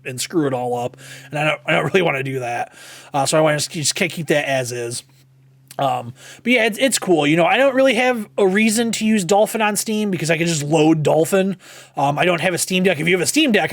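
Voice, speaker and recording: Young male podcast host, casual rambling delivery, slightly high voice, dry booth sound. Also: no room sound. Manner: rambling, frequent fillers and restarts. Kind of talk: casual gaming news commentary.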